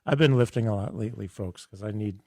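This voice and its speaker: A hoarse man hosts a health talk on radio, his voice raspy and gravelly. He talks in an enthusiastic, rambling way with plenty of restarts, close to a dry studio mic. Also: lowish voice, fast, mellow, dry recording. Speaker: radio health show host.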